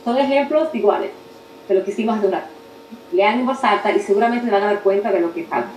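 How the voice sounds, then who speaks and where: A woman teaching a spelling masterclass over a video call, talking quickly and correcting herself as she explains. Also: medium pitch, reverberant, a little hiss or hum, poor audio. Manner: fast-talking, self-correcting, animated teacher. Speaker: guest instructor.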